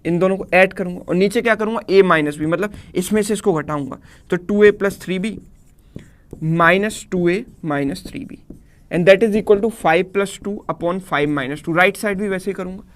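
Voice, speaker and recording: A man's voice: high voice, normal speed. A man teaching a live online math class in Hindi mixed with English in an Indian accent, explaining step by step and checking in with students.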